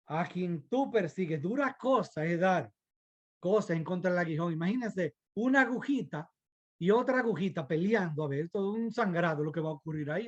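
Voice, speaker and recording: A man's voice: sits high, lo-fi sound. A man preaching a sermon, fervent and given to rhetorical asides, sometimes stumbling and restarting mid-phrase.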